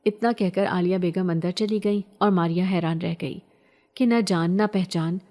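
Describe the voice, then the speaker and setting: A woman narrating a horror story in a measured, steady storytelling voice. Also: fairly low pitch.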